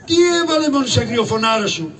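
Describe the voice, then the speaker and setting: A man's voice: extremely high pitch, expressive, fairly bright tone. A man voicing Karagiozis, a scrappy poor hunchback trickster in a live shadow puppet show, brash and full of mocking curses. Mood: mocking cursing. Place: live show before an audience. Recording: distant live stage recording with audience noise.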